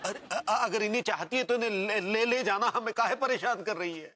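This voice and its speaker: A man's voice: high-pitched, brisk, very noisy, close to an everyday voice. An actor playing a jittery, whiny middle-aged husband scared of a ghost, stammering as he talks. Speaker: frightened neighbour in a TV sitcom. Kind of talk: sitcom acting.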